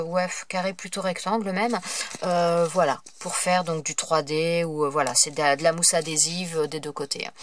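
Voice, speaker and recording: A woman's voice: mid-range voice, a little hiss or hum. A woman from France chatting casually in a haul video, hesitant and full of fillers as she shows her craft purchases. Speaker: craft vlogger.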